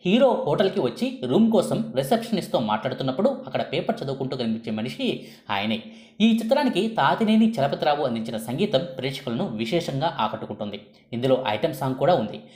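A man giving scripted documentary narration in a lively storytelling delivery. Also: on the high side. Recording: echoey room.

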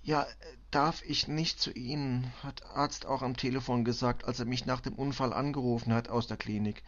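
A man voicing a distraught middle-aged immigrant cleaning woman, who speaks halting, broken German with a Balkan accent through tears. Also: mid-range voice, fairly even intonation, fairly bright tone, lo-fi sound, pitched above the performer's own voice, lightly acted. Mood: pleading. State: tearful.

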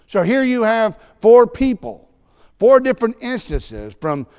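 Male preacher, high voice, chatty sermon w/ little jokes, long echo from the church room. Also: very animated, a little slow, darkish tone, clean tone. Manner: conversational preaching with asides and teasing. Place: church sanctuary. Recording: long church hall reverb.

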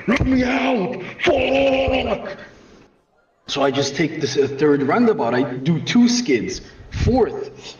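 A man casually telling a profane comedic story in a deadpan way, with constant swearing. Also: mid-range voice. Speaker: storyteller on a comedy game night. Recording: distant echoey room, dull lo-fi mic, faint noise.

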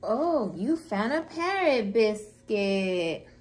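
A woman who is a preschool teacher, reading a picture book to young children in a gentle storytime voice. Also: medium pitch, big pitch swings, a little hiss or hum, low-quality recording. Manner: gentle, slow, sing-song storytime delivery.

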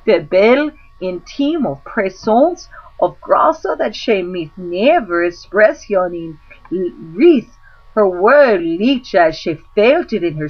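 A woman recites old devotional prose in Middle English pronunciation, with archaic vowels throughout. Her pitch sits in the middle of the female range and her pace is on the slow side. The recording is a little dull and lo-fi. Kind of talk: recitation of a medieval religious prose text.

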